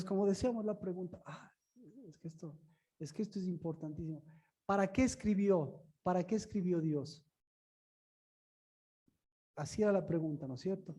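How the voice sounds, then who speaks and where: High-voiced male preacher, questions the room constantly, stumbles and repeats words. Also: dark tone. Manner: asks the room many rhetorical questions; repeats and restarts words often. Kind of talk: sermon-style Bible teaching.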